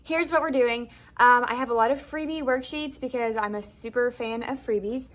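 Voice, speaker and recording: A woman's voice: fairly high pitch, fairly even intonation, normal speed, fairly bright tone. A young woman, a first grade teacher, chatting casually and upbeat as she walks through her classroom day. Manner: chatty, upbeat, filler-heavy. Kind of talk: casual vlog narration.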